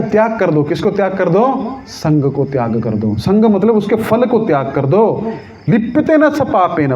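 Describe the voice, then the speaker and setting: A man giving a devotional scripture talk, telling stories lively, acting out voices and asking his listeners questions. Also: fairly high pitch. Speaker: Gita lecturer. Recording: dull lo-fi recording.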